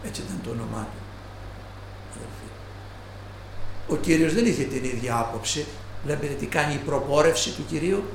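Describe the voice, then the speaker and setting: A man preaching a sermon who slows down and stresses each quoted line of scripture. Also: fairly high pitch, gravelly, background noise. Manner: slow, stressed quoting of scripture. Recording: echoey room.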